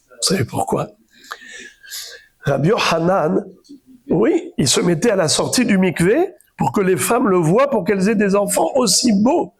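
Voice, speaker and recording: Rabbi guy teaching talmud, kinda husky and high pitched, gets loud then whispery. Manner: animated storyteller, voice rising and dropping to near whispers. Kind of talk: Talmud lesson, retelling stories.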